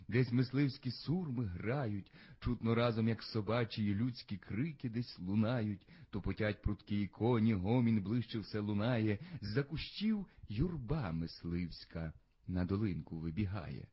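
A man recites a verse fairy tale in a lively, expressive voice that rises and falls widely. His voice sits low and has a husky grain. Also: unhurried. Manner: expressive, sing-song recitation. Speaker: storyteller. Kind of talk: reading a verse tale aloud.

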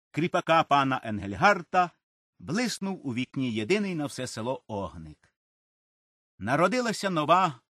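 Expressive man reading a story. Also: fairly high pitch, no echo, studio quality. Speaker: narrator.

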